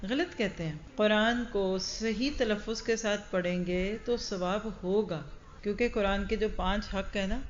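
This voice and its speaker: A woman's voice: medium pitch, lo-fi sound, a little hiss or hum. Earnest woman teaching a large gathering. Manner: earnest, direct, addresses the audience with questions. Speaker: Quran teacher. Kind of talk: religious lecture to a live audience.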